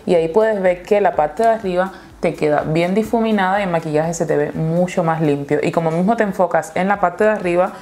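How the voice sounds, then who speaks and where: A woman's voice: fairly low pitch, fairly quick, hardly any pauses, darkish tone. Woman, Chilean accent, chatty makeup vlogger, gushing, casual tutorial. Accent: Chilean Spanish. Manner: chatty, gushing over products. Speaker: beauty vlogger.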